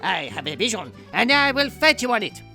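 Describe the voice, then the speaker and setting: A woman's voice: mid-range voice, big pitch swings, brisk, pushed and bright, faint music behind. A woman voicing a pompous, self-important male film director who bosses people around in a mock foreign accent. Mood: grandiose.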